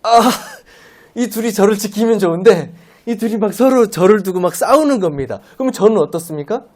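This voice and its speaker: A man preaching a Sunday sermon as a lay preacher, playful and animated, often asking the congregation rhetorical questions. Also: sits high, a little fast. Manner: playful, uses everyday comparisons.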